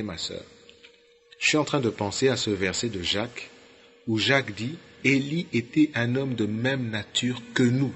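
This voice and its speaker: A man from Congo preaching a sermon, fervent, rising to loud outbursts and dropping to quiet, low endings.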